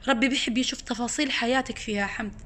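A woman's voice: a little high, steady tone, fairly bright tone. Emphatic woman teaching religion. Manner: emphatic, with rhetorical questions and slow stressed definitions. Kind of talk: religious lesson to women.

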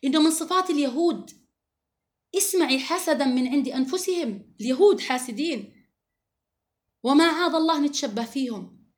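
Fast-talking high-voiced woman teaching religion. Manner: earnest, emphatic, quotes scripture often. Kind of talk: religious lesson to women.

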